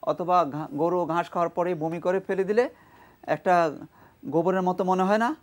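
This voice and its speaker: A man teaching Quran reading on a TV lesson, spelling out each letter and vowel mark and having a group of children repeat after him, now and then reciting the verse in a slow, drawn-out way. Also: sits high, steady tone. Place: TV studio with a children's class. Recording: broadcast studio with a group of children. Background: children chanting along.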